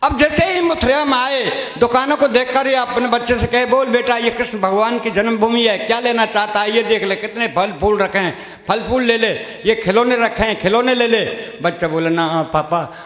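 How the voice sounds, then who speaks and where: A man with a high voice tells rustic comic stories on stage. He acts out each character as he goes. His voice rings out through a reverberant hall. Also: fairly even intonation, normal speed, a bit bright. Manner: rustic storytelling, voicing each character in turn. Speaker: stand-up comedian. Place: stage at a comedy gathering. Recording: echoey hall, long reverb.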